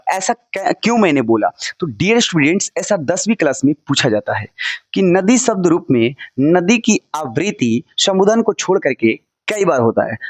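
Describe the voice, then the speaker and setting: A man's voice: on the high side, no room sound. A male teacher giving a recorded lesson, drilling word forms with his students and repeating them over and over.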